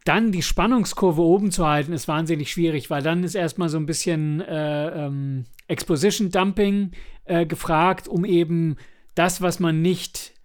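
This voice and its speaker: A podcast co-host who also makes audio dramas discusses and reviews things in a casual, rambling manner, searching for his words. His voice is a little high and his pace moderate.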